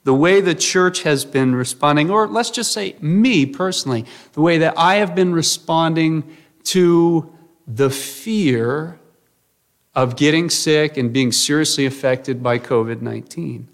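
A man in his thirties delivers a sermon. His voice sits slightly higher than most men's, and his delivery is earnest and conversational, full of "you know" and "okay?" asides. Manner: earnest, conversational preaching with frequent fillers. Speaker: pastor.

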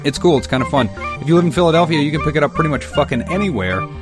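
A man's voice: fairly high pitch, lively intonation, rapid-fire, over music. A man hosting a podcast in an informal, sweary, chatty way. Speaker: podcast host. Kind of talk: casual chat.

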